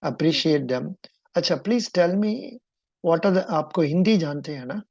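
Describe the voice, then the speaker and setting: Low, mellow Kannada-accented woman coaching. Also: lively intonation, rapid-fire, gravelly, no room sound, muffled recording. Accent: Kannada-influenced Indian English. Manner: encouraging, instructive, probing. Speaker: mock interview coach. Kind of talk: interview coaching.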